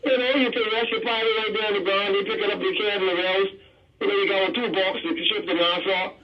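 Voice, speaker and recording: A man with a Bahamian accent calling in to a radio show, talking in an animated, rambling way and trailing off mid-sentence. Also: high-pitched, quick pace. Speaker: caller. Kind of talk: phone-in chat. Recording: dull phone line from a distance.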